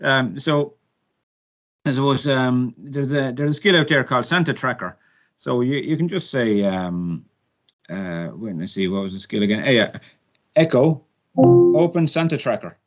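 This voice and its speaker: A man's voice: medium pitch, normal speed, fairly bright tone, dull audio. An Irish man co-hosting a podcast in casual chat, chatty and full of ums and restarts. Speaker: podcast co-host.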